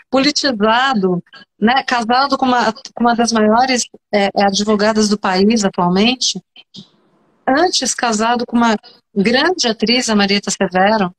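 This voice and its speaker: Woman, Brazilian accent, fairly high voice, emphatic, lively, stumbling restarts, video call. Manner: animated and emphatic, frequent restarts. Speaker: psychoanalyst guest. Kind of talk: online interview conversation.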